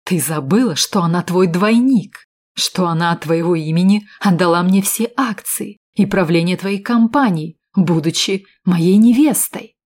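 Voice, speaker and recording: A cruel male villain sneers and hisses his threats in a storybook reading. A woman plays him, keeping her voice low. He sounds cold and scornful. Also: a little slow, darkish tone. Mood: sneering. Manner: sneering, hissing. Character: cruel mocking man, menacing villain.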